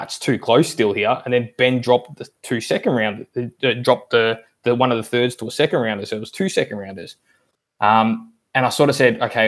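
A man's voice: fairly low pitch, fairly bright tone. A man in casual podcast chat, rambling through a long story with many ums. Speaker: league member guest.

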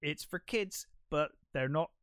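A man with a slightly raised voice talks through a cartoon film with a co-host. He tells it in a chatty, animated way and slips into little impressions of the characters. The sound is dry and close, with no room around it. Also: a little high, a little slow, no echo. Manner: animated, swears casually, acts out quotes. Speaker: podcast co-host. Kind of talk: casual film review chat.

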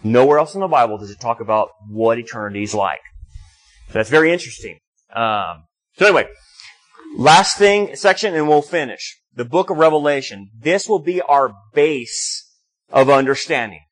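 A man's voice: mid-range voice, expressive, moderate pace, rough recording. A man preaching a sermon as a pastor, explaining scripture in a teaching manner with frequent restarts.

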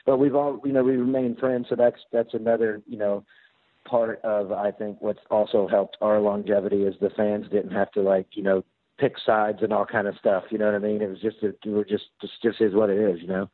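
A man's voice: on the low side, little pitch movement, brisk, dry recording. A man with an American accent chatting casually as an interview guest, laid-back and informal with hesitant phrasing, over a phone call. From United States. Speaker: interview guest, rock drummer. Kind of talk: casual chat. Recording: tinny, band-limited phone line.

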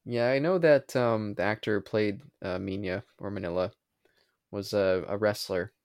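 Man co-host, slightly low voice, dry close mic, joking commentary. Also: moderate pace, no room sound. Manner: joking, often laughs. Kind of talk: casual film commentary chat.

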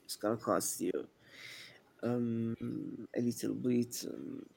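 A man from Iran calls in to a talk show. He speaks slowly and politely, hesitating often, and his voice has a gravelly edge. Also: medium pitch, fairly even intonation, warm tone. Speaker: listener caller. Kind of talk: casual call-in chat.

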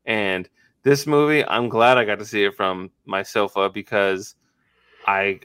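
A man's voice: on the low side, fairly bright tone, dry recording. A man co-hosting a podcast in casual chat, blunt and swearing freely. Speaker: podcast co-host.

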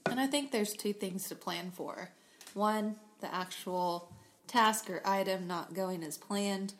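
A woman co-hosting a podcast, chatty and playful, laughing easily in casual talk. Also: lowish voice. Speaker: podcast co-host. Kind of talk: casual chat.

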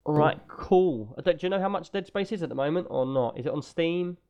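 A man's voice: on the high side, lively intonation, a little fast, darkish tone, lo-fi sound. A British man talking casually and enthusiastically as the host of a gaming podcast.

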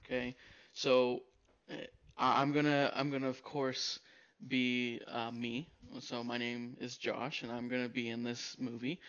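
Man, casual joking chat, halting delivery, muffled lo-fi recording. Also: mid-range voice, flat delivery, fairly bright tone, clear, resonant tone. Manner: joking, halting, lots of "uh" and restarts. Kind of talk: casual chat, improvised storytelling. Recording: dull lo-fi sound.

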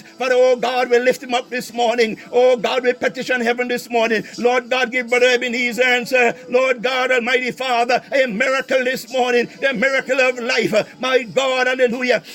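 A man leading a fervent prayer, piling up invocations, breaking into tongues and shouting at times. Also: very high voice, level tone. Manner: rapid repeated invocations, speaking in tongues, bursts of shouting. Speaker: prayer leader.

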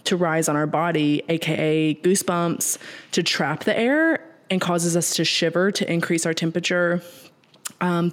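A woman with a fairly low voice talks in a relaxed podcast style, walking the listener through each idea in order. When a long word trips her up, she laughs it off and carries on. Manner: explains step by step, stumbles over big words and laughs it off. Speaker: podcast host explaining nutrition science. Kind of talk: casual explanatory podcast talk.

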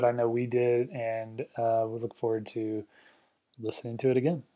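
A man co-hosting a podcast, asking guests questions in a relaxed, thoughtful way, often trailing off quietly. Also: medium pitch. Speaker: podcast co-host. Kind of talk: conversational interview.

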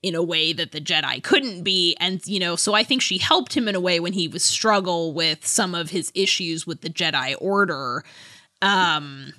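A podcast co-host talks casually through a book, her delivery hesitant, thoughtful and hedging. Her voice is fairly low and sharp-toned at a normal speed, recorded in studio quality with no echo.

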